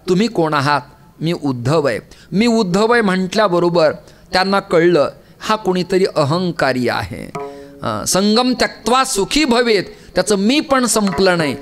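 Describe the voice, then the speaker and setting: A man giving a devotional kirtan sermon with storytelling, acting out the characters' lines and climbing steeply in pitch on emphatic calls. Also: a bit bright. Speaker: kirtan preacher. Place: temple hall.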